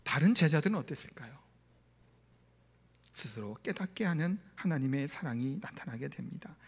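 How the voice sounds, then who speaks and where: A male pastor preaching a sermon, retelling Bible stories with animated questions to the congregation. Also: mid-range voice, moderate pace, slightly rough.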